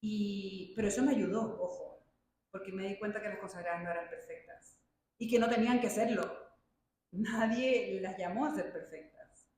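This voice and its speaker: A woman's voice: medium pitch, fairly even intonation, normal speed, darkish tone, a little hiss or hum. A woman giving a personal testimony to a group, telling her story in a chatty, anecdotal way with asides. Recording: very echoey room sound.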